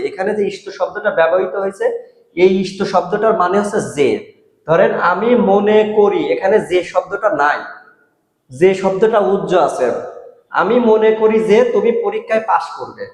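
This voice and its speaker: A man teaching a language lesson, repeating each word and phrase slowly and asking and answering his own questions. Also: high voice, darkish tone. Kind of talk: explaining Russian grammar in Bengali. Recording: echoey room with long reverb.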